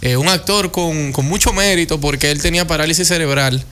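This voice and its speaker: Animated Dominican man co-hosting radio. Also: on the high side, fairly quick, slight background noise. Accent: Dominican Spanish. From Dominican Republic. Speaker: radio show co-host. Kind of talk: casual radio banter.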